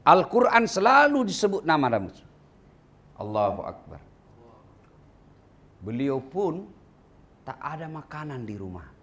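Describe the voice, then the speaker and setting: A man's voice: on the high side, measured pace, long pauses. A male preacher telling a story in a humorous sermon, asking the audience questions and acting out the voices. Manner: animated, acts out voices, asks the audience questions.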